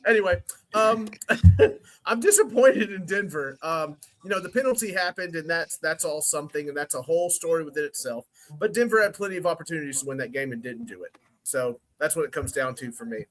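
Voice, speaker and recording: A man with a fairly high voice talks football in a loose, joking way. He laughs often and gets loud when excited. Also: fairly quick. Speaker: podcast co-host. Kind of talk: casual sports chat.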